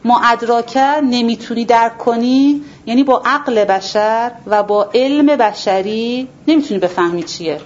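A woman's voice: on the high side, few pauses, darkish tone. A woman teaching a Quran class to students, asking herself rhetorical questions and repeating words for emphasis. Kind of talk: explanatory religious lesson to a class. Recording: dull lo-fi recording with faint background noise.

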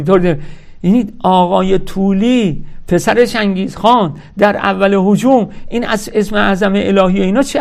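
A man with a high-pitched, creaky, darkish voice gives a religious lecture. After reading lines from a historical text, he explains them in ordinary speech and tells listeners what to pay attention to. He speaks to them directly, leaning on key words.

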